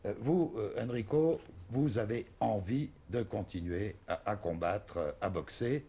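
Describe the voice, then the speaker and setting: Husky male talk show host. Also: lowish voice, unhurried. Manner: lively, probing questions.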